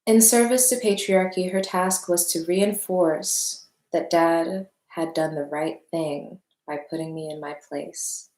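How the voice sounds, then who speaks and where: A woman with a somewhat low voice reads a book aloud in a room at home. She sighs often and breaks off to chat casually with her viewers. The room gives her voice a noticeable echo. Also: darkish tone. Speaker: book reader and commentator. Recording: roomy echo.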